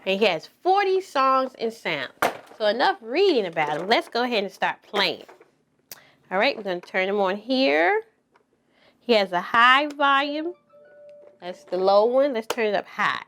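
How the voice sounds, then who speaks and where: A woman's voice: on the high side, very animated, measured pace, fairly bright tone, slight background noise. A woman teaching preschoolers in a kindergarten teacher voice, encouraging, with simple step-by-step phrases for small children. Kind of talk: preschool circle-time lesson for toddlers.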